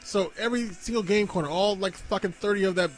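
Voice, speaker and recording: A man's voice: high voice, fast, faint music behind, rough recording. A man co-hosting a podcast with casual, swear-heavy banter. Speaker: podcast co-host.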